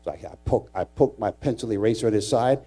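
A middle-aged pastor with a lowish, mellow voice speaks quickly as he delivers a sermon in a church sanctuary. He's dramatic, joking with his congregation and weaving in humorous stories.

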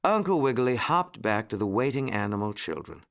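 A man narrating a children's storybook in an expressive, unhurried way with dramatic pauses. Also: on the low side, vocal fry.

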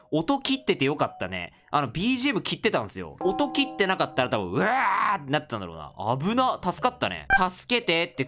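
A man casually commenting on a horror game he is playing, excitable and yelping when scared. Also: a little high. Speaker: gaming video host. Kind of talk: casual let's-play commentary.

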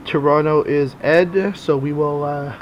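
Unhurried and fairly even in intonation, a man with a slightly high voice runs a sports card box break from a small home office stacked with cards. He narrates casually and improvises, muttering to himself while working, recorded by a desk-mounted camera in a noisy room.

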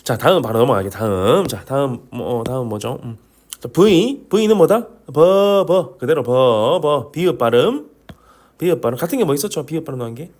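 A man's voice: mid-range voice, a little fast. A man with a Korean regional dialect teaching Vietnamese pronunciation in an online lesson, repeating each sound as a drill and joking along the way. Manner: lively, drills sounds by repeating them, jokes and apologizes.

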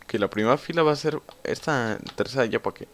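Brisk and fairly bright, this young man's mid-range voice carries a Mexican Spanish accent over a little hiss or hum. As a gamer giving casual commentary, he talks to himself chattily and swears without restraint.

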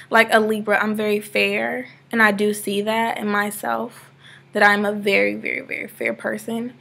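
Her voice is mid-range, creaky, pushed and bright as she rambles through a casual vlog. The eighteen-year-old from Georgia, USA, sits on her living room sofa, close to a laptop webcam, filling her chatty talk with "like."

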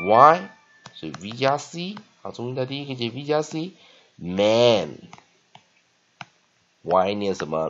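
A man teaching English vocabulary, spelling words out letter by letter and filling pauses with short fillers. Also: fairly low pitch, highs cut off. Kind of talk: spelling and phonics lesson.

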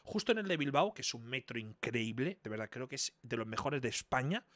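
A man in his twenties chatting casually on a live stream, chatty and incredulous, with loud outbursts. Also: medium pitch, sing-song, a little fast, dry recording. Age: 20s.

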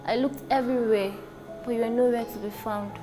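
A young woman plays a worn-out, grieving daughter pleading softly for her father. Her voice is fairly high, and clear music plays behind her. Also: steady tone, fairly quick, natural voice. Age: 20s. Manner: soft, pleading, weary. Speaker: actor performing an audition monologue.

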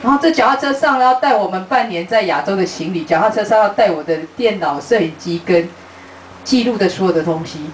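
A middle-aged woman, speaking as a travel author at a live book talk. She is a lively storyteller who acts out conversations and laughs often. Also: medium pitch, fairly quick. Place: bookstore event room. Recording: roomy, distant, faint hiss.

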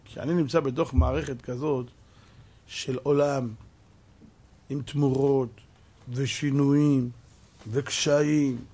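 A rabbi giving a sermon, telling stories with lively acted-out dialogue and pressing rhetorical questions at his listeners. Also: medium pitch, pauses often. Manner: animated storytelling, acts out dialogue, repeated rhetorical questions. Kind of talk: Torah lesson sermon.

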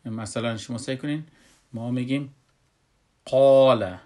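Dari-speaking man teaching Quran recitation. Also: medium pitch. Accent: Afghan Dari. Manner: explains step by step with many "uh" fillers, then chants example words louder and slower. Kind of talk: tajweed lesson with slow drawn-out example words.

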